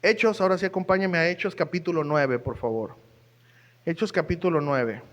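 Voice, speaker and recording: A man's voice: a little high, normal speed, a bit bright. A man preaching a sermon, reading Bible verses and joking with the congregation. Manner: conversational, joking asides to the congregation. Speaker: pastor. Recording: long hall reverb.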